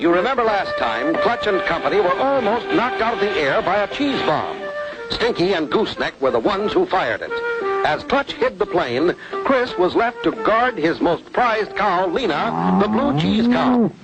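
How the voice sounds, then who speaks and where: A man's voice: high voice, very animated, moderate pace, rough recording. A man narrating an old cartoon serial with dramatic announcer delivery. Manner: dramatic announcer teasing the next episode. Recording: old cartoon soundtrack, loud music.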